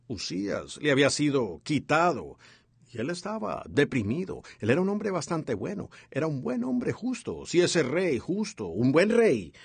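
A man reading a voice-over translation of a sermon in a steady, earnest way. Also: fairly high pitch, vocal fry, slightly rough, no room sound. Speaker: sermon interpreter.

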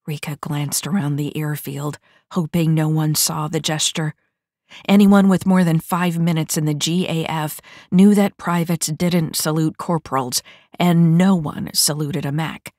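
Woman, audiobook narrator, low voice, steady storytelling, dry close sound. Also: a little slow, no room sound.

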